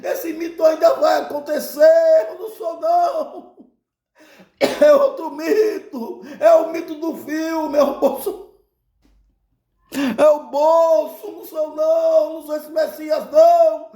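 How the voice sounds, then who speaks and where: A high, strained, shouting Jesus, fed up and exasperated, as a man puts him on. The voice cracks upward in complaint. It rings in an echoey room. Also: lively intonation, a little slow, pauses often, exaggerated voice.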